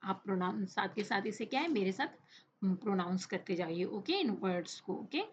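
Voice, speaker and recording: Unhurried woman teacher, Hindi-English mix. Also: mid-range voice. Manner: repeats "okay?" often, mixes English into Hindi, reads English text slowly. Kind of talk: classroom lesson explanation. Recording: dull lo-fi recording with faint noise.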